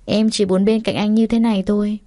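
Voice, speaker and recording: A woman reader voicing a heartbroken young woman who speaks quietly and holds back tears. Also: medium pitch, flat delivery, fairly quick, no room sound, clean studio sound, natural voice. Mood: sad.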